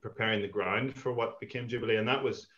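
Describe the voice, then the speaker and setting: In his thirties, this man founded a community farm and was raised in Ireland and Malawi. As a guest on a video call interview, he chats casually in a thoughtful, meandering way, speaking fast with a fairly low, fairly even, somewhat bright voice. The call audio is echoey, dull and lo-fi.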